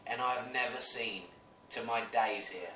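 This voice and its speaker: A British man in his thirties talks through a casual podcast chat, animated and swearing freely. His voice sits at an everyday middle pitch. It is picked up from a distance in an echoey room with a faint hiss underneath. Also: unhurried. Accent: British English. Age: 30s. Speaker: podcast co-host.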